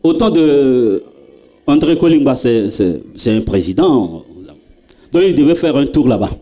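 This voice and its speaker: A man's voice: mid-range voice, a little slow. A man doing stand-up comedy, telling stories and talking straight to the audience. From Central African Republic. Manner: animated storytelling, addresses the audience directly.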